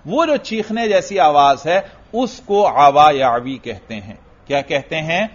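Man teaching, slightly high voice, lo-fi. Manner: lively teaching, chants Arabic verses slowly, asks questions to class. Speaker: religious teacher. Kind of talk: classroom lecture explaining Arabic grammar. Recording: dull lo-fi lecture recording.

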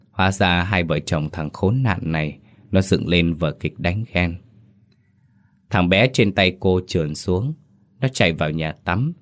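A man narrating a dramatic story in a steady storytelling manner. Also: low voice.

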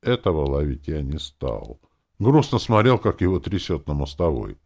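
A male audiobook narrator with a very low voice and a lively, swinging pitch. He reads in the first person, dry and wry. Comic moments get a light, knowing touch. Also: normal speed, creaky.

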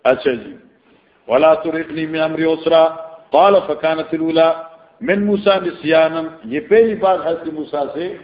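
Pakistani male teacher, fairly high voice, explains line by line with anecdotes, dull recording. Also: steady tone, reverberant. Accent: Pakistani Urdu. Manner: explains Arabic text line by line in Urdu, with storytelling asides. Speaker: hadith teacher. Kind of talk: classroom lecture on scripture.

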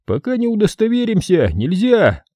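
A frantic, crude-mouthed sapper, as a man puts him on for an audiobook, yelling in a high, strained pitch. His shouts are loud, and the voice is husky and warm on a dry recording. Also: wildly swooping pitch, normal speed, no echo, exaggerated voice. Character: panicky middle-aged male sapper, rough-tongued. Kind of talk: audiobook character reading.

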